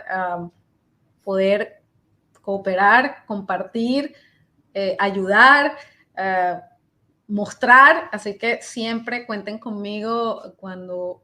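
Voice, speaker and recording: A Venezuelan woman, an invited hepatologist, answers questions in a webinar over a video call. Her mid-range voice is bright and forceful, and she thinks aloud with plenty of fillers and restarts.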